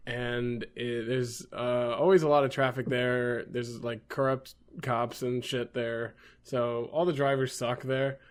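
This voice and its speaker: A man's voice: mid-range voice, level tone, unhurried, hardly any pauses, clear, resonant tone. A young man from the New York area, talking with a mid-range voice. He tells rambling stories in casual podcast chat and swears freely. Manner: swearing, storytelling, laughs often. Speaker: podcast co-host.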